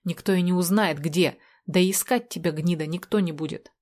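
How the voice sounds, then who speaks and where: A woman voicing a curt protective man, hoarse, low, quiet threats, audiobook. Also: fairly quick, close to an everyday voice. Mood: menacing.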